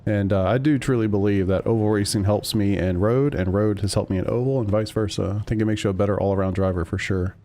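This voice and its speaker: A man's voice: on the low side, steady tone, quick pace, hardly any pauses, mellow. A man streaming a sim racing game, chatting casually with his chat while he drives. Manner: laid-back, rambling, answers chat.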